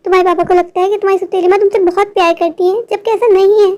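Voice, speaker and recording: A performer voicing a stubborn but protective young boy in an animated cartoon, speaking in a reassuring, insistent way. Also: extremely high pitch, racing.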